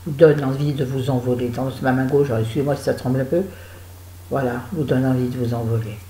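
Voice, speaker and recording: A woman's voice: very deep voice, fairly even intonation, fast, dark tone, roomy sound, rough recording. A woman giving a chatty, digressive spoken book review, talking straight to her viewers.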